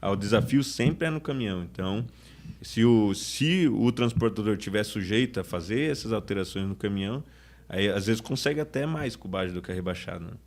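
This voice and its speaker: A man's voice: lowish voice, a little fast. A man, a sales manager talking casually in a podcast interview, often restarting his sentences. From Brazil. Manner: chatty, restarts sentences often, acts out customer quotes.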